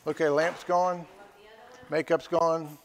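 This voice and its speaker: A man's voice: a little high, level tone, takes it slowly. A man calling a live-streamed auction in a casual, folksy way, repeating prices and phrases. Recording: echoey hall with long reverb.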